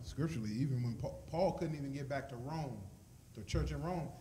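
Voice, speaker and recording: A man's voice: medium pitch, fairly quick, warm tone, a little hiss or hum. Earnest man quoting scripture. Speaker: panelist. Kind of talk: scripture commentary in a panel discussion.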